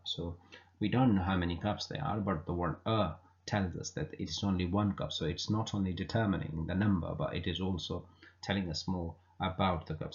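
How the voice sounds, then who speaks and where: A man teaching an English grammar lesson, explaining patiently with frequent fillers and repeated words. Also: low-pitched. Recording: dull lo-fi recording.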